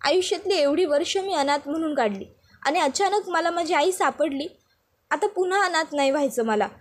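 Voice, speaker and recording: A woman's voice: high voice, normal speed, close to an everyday voice. A woman voicing an earnest, pleading young daughter-in-law in a retold serial. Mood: sad. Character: tearful young daughter-in-law searching for her mother.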